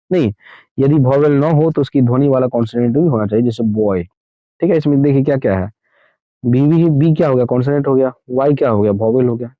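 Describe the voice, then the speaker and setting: A man teaching a grammar lesson at a mid pitch. He keeps posing questions to the class and answering them himself, and he slows right down to read English definitions. The recording is dry and slightly muffled. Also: no echo.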